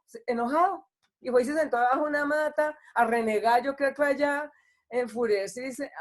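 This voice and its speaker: A woman pastor with a slightly high voice preaches an online sermon conversationally, acting out the complaints of the people she quotes.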